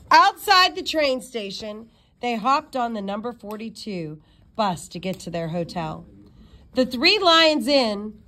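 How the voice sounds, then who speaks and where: A woman with a fairly high voice narrates a children's novel aloud in an expressive storytelling way. Every so often she stumbles and goes back to re-read words.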